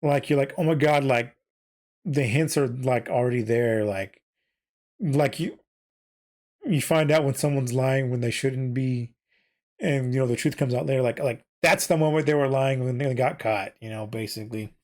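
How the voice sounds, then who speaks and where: A man's voice: medium pitch, moderate pace, a little mellow. Rambling man with a tiring voice. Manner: rambling, many fillers and self-corrections. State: losing his voice. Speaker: podcast host and VTuber. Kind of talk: casual solo podcast chat.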